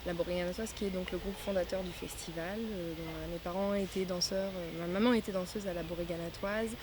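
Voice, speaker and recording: A woman's voice: lowish voice, fairly even intonation, brisk, noisy background. A woman in her twenties, a festival volunteer, answering interview questions casually with many hesitant fillers. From France. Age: 20s.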